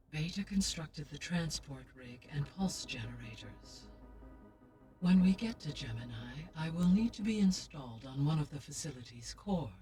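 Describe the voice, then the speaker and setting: A male actor with a slightly high voice plays a calm, formal artificial intelligence in a video game, speaking in a precise, measured way. He is recorded from a distance.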